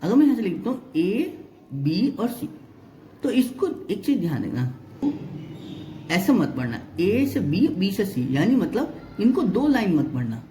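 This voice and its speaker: Male reasoning teacher, exam-prep lesson, animated sing-song delivery, mellow tone, counts aloud step by step. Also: sits high, measured pace, pauses often, reverberant, slight background noise. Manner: step-by-step explaining, often checking if students follow; counts items aloud one by one.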